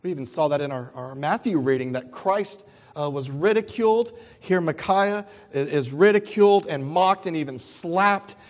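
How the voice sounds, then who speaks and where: A man's voice: fairly high pitch, animated, normal speed, big-room sound. A man preaching an expository sermon, asking rhetorical questions and explaining scripture. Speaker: pastor.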